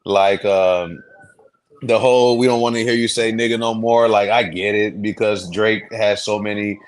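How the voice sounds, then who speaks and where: A man's voice: on the low side, fairly even intonation, moderate pace. A man co-hosting a casual podcast, rambling with many restarts and getting worked up as he goes. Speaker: podcast co-host. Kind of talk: casual sports podcast chat.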